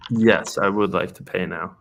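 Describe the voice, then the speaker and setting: Low-voiced man making a prank call. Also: fairly even intonation, moderate pace, vocal fry, a bit bright, slight background noise. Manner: hesitant, overly polite, lots of um and restarts. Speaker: prank caller.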